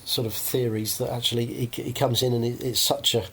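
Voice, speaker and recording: Male podcast host, mid-pitched, hedging and chatty, casual chat. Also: little pitch movement, brisk, a bit bright, a little hiss or hum. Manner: hedging, chatty, full of tag questions.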